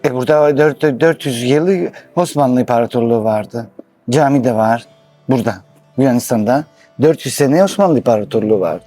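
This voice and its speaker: A middle-aged man from Istanbul, speaking halting, slightly broken in a casual street interview. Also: mid-range voice, warm tone, soft background music. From Istanbul, Turkey. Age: middle-aged to 60s.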